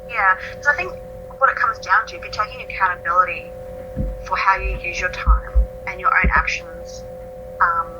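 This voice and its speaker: Interviewed conversationally, a guest writer in her late thirties reflects thoughtfully and is quick to laugh. She talks at a normal speed in a fairly low voice, and the audio is dull with background noise.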